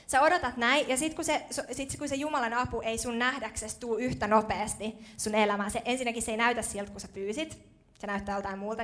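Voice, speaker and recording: A young woman preaching a sermon in church, casual and lively, with slangy, self-deprecating humor. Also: on the high side.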